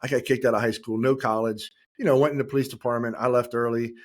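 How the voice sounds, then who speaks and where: A man's voice: medium pitch, fairly even intonation, quick pace. A man hosting a podcast, a former police officer, asking loose conversational questions in a casual interview.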